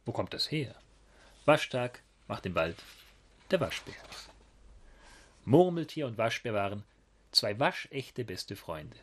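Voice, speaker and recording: A man reading a rhyming children's story aloud in an expressive, sing-song manner. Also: mid-range voice, takes it slowly, pauses often, slight background noise.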